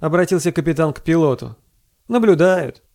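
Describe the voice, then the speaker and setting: A man narrating a science fiction audiobook in a steady, scripted reading. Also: a little high, normal speed.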